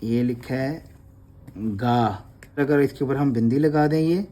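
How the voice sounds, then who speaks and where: A man's voice: mid-range voice, mellow, slight background noise. A man teaching Gurmukhi script. He explains patiently and draws out each letter sound, addressing the class respectfully. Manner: slow, patient, drawn-out letter sounds, calls listeners sangat ji. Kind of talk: slow classroom explanation with prayer.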